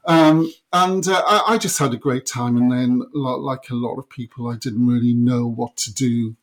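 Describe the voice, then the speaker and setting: A man's voice: mid-range voice, normal speed. Middle-aged man with a Welsh Valleys accent. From South Wales Valleys. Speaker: interview guest. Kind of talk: reflective conversational interview.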